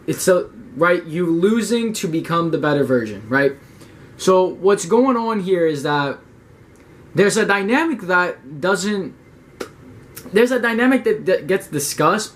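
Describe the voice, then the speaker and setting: A young motivational YouTuber delivers a loose, casual monologue to camera, his voice sitting high and animated. He's full of slang, swearing and "right?" checks, slowing down to press harder on key points, with slight background noise.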